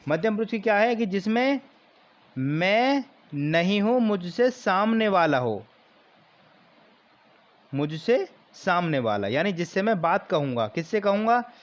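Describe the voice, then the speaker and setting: A man teaching a grammar lesson for exam preparation, explaining slowly and repeating key terms. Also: high-pitched, very animated, lo-fi sound.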